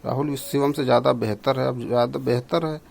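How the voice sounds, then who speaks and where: A man at a middle pitch, teaching an exam-prep lesson and speaking. He works through each question aloud and checks the answers one by one. His delivery is steady and explanatory. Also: brisk, gravelly, slight background noise.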